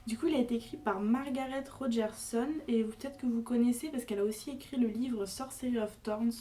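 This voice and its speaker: A woman's voice: on the high side, steady tone, brisk, warm tone, recorded from a distance. A young woman presenting a book on a podcast in casual chat, hesitant with many fillers and restarts. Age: young adult.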